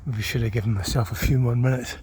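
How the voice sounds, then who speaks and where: Medium in pitch and warm, this man's voice stays steady as he narrates quickly for a travel vlog. He muses his way around a small town by car and on foot, frequently pausing with ums and restarting sentences. There's a little hiss or hum in the audio.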